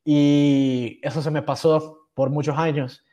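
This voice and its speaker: This young man from Honduras takes his time, speaking in a mellow, flat, higher voice as he casually shares self-deprecating, slangy tales from his school years. He has a Honduran accent and mixes in English words.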